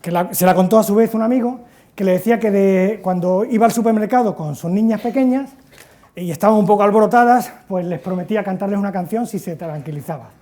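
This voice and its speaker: A man, giving a lively talk at an education conference. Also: high voice, fast. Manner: lively storytelling, acts out quotes loudly. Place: conference hall.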